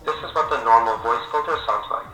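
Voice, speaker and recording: A man's voice: medium pitch, quick pace, music in the background. A man demonstrating a product, his voice played back through a small camera speaker. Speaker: product reviewer. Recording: dull, roomy camera speaker playback.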